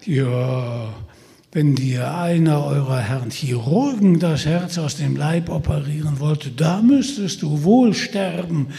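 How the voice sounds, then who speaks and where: A man's voice: on the high side, expressive, slow pace, vocal fry, warm tone, heavily acted. A man voicing a sly, scheming male forest spirit who mocks and persuades, with long reverb around him. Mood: mocking. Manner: mocking, persuasive, jeering.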